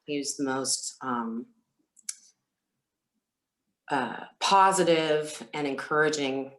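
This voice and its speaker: This low-voiced woman, a singer being interviewed, shares stories in a relaxed, frank manner, her speech halting and thoughtful. The sound has a spacious, echoing quality.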